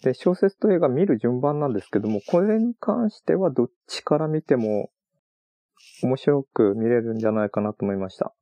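A man chatting on his own about books he read on a trip, rambling and relaxed with many fillers. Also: mid-range voice, fairly quick, no echo, highs cut off. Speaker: podcast host. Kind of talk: casual solo talk about books.

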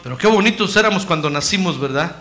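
Un hombre que predica un sermón con mucha energía y representa diálogos con voces distintas. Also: male voice, a little high, fast talker, faint music behind. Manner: lively, animated preaching that acts out dialogues. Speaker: preacher. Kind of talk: sermon.

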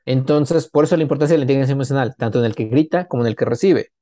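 A man's voice: medium pitch, racing, no echo, clean studio sound. A middle-aged man, a consultant talking casually on a podcast and acting out the people in his stories. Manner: animated storyteller, acts out quoted dialogue. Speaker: business consultant, podcast guest.

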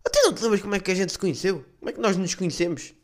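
A man's voice: high-pitched, very animated, very fast, voice pushed up. A man doing a pushy, eager young guy. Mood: insistent. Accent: European Portuguese. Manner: insistent, raised voice.

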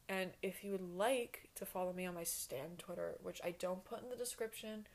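Speaking at a medium pitch, this twenty-something podcast host runs her solo show as a loose, meandering chat. Her manner is blunt and self-mocking, with plenty of swearing.

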